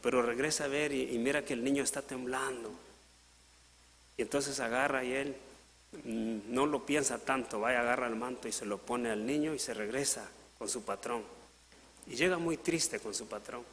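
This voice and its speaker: A man's voice: mid-range voice, normal speed, a bit bright, big-room sound, slight background noise. A man preaching a sermon in Latin American Spanish, retelling a parable and briefly voicing its characters. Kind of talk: sermon storytelling. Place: church.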